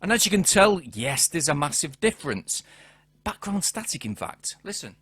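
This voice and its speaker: A man with a high, bright voice walks through gear in a casual review. His delivery is chatty and jokey, and his pitch swings widely from line to line. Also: very animated, moderate pace, husky, no echo. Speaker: product reviewer.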